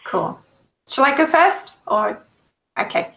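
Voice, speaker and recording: A woman with a fairly high, bright voice introduces herself casually on a video call. Her tone is crisp and forward, in an informal conversational style. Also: big pitch swings, takes it slowly. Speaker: academic developer, online panel participant.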